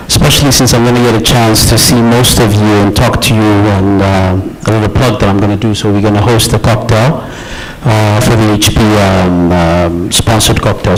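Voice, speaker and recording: A middle-aged executive, born in Ethiopia and raised in the US, gives an informal conference speech, frequently checking in with the audience through a conversational "yeah?" and "okay?". His voice is fairly low, and the rough recording carries slight background noise.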